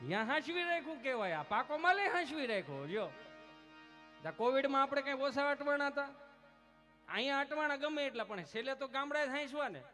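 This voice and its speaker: A man telling comic folk stories on stage at a village gathering, teasing and lively. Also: very high-pitched, a little fast, soft background music. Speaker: folk storyteller and comedian.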